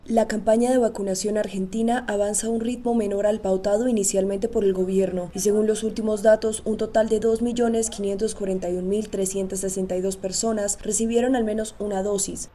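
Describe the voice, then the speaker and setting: A woman reporter reading a scripted news voice-over in a steady, even way. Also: mid-range voice, brisk, hardly any pauses. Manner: steady, number-heavy reading.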